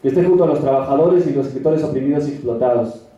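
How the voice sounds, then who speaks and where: A man's voice: mid-range voice, fast talker, mellow. A young man delivering a formal, declamatory political speech as a youth activist at a rally. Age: young adult. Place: large echoing hall at a rally. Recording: echoey hall, distant mic, dull sound.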